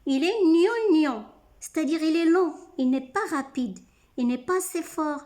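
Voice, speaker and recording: A woman teaching young children to read, sounding out syllables slowly and clearly. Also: sits high, lively intonation, darkish tone. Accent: French-speaking North African. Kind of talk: slow, deliberate reading lesson for children.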